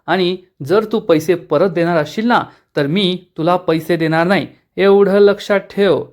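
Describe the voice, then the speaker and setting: A man's voice: sits high, measured pace. A man voicing a caring, stubborn young daughter who insists and pleads with her mother, in a serial recap. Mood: insistent.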